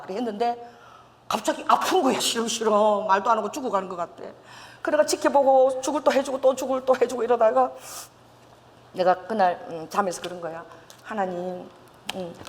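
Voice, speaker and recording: An older woman pastor telling a lively testimony in a sermon, laughing and acting out quotes. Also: a little high, big-room sound. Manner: storytelling with laughs and acted quotes. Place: church sanctuary.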